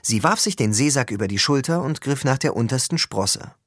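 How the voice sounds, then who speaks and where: A man reading a first-person story aloud as an audiobook, with expressive, lively storytelling. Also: mid-range voice, brisk, no room sound, clean studio sound. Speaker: audiobook reader.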